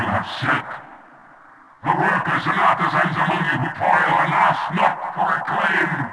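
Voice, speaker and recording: An actor playing a ruthless male dictator, giving a slow, grandiose propaganda speech to his people in a video game. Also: on the high side, sharp tone, very echoey, big-room sound, far from the mic, full character voice, low-quality recording. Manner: slow, grandiose oratory with long pauses.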